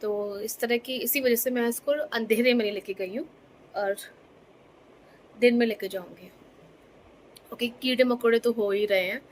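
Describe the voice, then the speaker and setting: A young mother chats casually into her phone's front camera at home, teasing playfully about her toddler. Her voice sits a little high. A faint hum of the room runs under her talk. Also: steady tone, normal speed, long pauses. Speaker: vlogger. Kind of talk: casual home vlog narration. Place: home bedroom.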